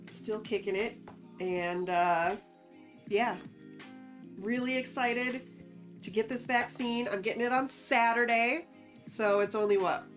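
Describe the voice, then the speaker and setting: Casting: female livestream host, candid and chatty, mildly wheezy breathing, middling pitch, music in background. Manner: rambling, candid. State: slightly wheezy, short of breath from asthma. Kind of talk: casual livestream chat.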